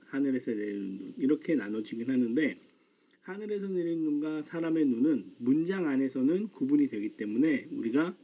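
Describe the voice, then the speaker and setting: Male lecturer, mid-pitched, patient explainer of grammar terms, dull lo-fi recording. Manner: calm explanatory, casual speech endings. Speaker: teacher.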